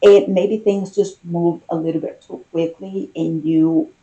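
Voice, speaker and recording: A tarot reader talking in an intimate, conversational style, musing in short phrases with pauses between them. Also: mid-range voice, fairly even intonation, mellow, highs cut off.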